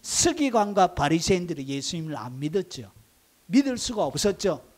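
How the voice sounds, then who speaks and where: A man's voice: high-pitched, very animated, moderate pace. A middle-aged male pastor preaching a sermon, with emphatic rising bursts and rhetorical questions to the congregation.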